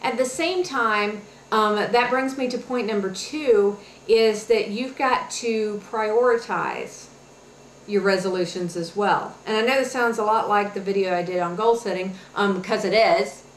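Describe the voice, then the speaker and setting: A woman's voice: mid-range voice, a little slow, slight background noise. A woman hosting a casual health and fitness vlog, talking chattily with encouraging advice. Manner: chatty, many fillers and restarts, encouraging. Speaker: health and fitness webisode host. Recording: echoey room with faint ambience.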